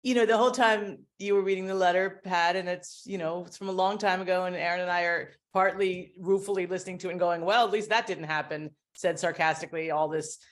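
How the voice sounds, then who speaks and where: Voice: mid-range voice, steady tone, fast talker, few pauses. Thoughtful speaker on a video call. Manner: thoughtful, hedging with many fillers. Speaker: guest sharing reflections. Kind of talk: casual video call conversation.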